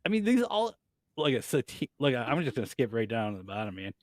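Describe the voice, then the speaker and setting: A man's voice: medium pitch, big pitch swings, quick pace, no room sound, studio quality. A man co-hosting a casual, mocking chat, reading out listings and laughing often. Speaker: co-host.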